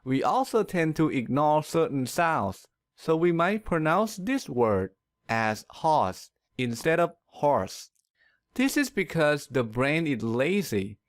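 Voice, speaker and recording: Clear, lively male pronunciation teacher. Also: a little high, no room sound, clean studio sound. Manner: clear, deliberate explaining with demonstrated words. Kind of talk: scripted instructional narration.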